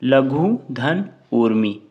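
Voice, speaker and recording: A man's voice: mid-range voice, expressive, darkish tone, muffled recording. A man teaching a grammar lesson. He asks a question and then answers it himself, drawing out each example word. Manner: slow, drawn-out words when spelling out examples.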